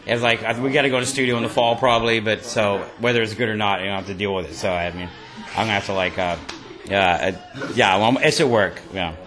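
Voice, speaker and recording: Low-voiced man, halting rock musician. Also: fairly even intonation. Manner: halting, full of fillers and restarts. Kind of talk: casual interview.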